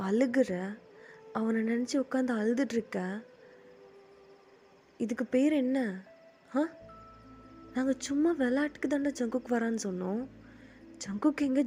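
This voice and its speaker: A woman's voice: sits high, dark tone, a little hiss or hum. A woman voicing a blunt young male friend who teases and scolds his crying buddy.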